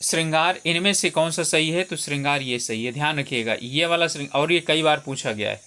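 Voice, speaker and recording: Male exam tutor with a slightly high voice; steady step-by-step walkthrough of answers, repeats key words. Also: fairly quick, clear, resonant tone. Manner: explains step by step, repeats words and says "theek hai" often.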